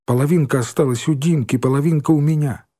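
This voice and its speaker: A man narrating an audiobook in a lively, expressive storytelling manner. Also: a little high, fast talker. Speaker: audiobook reader.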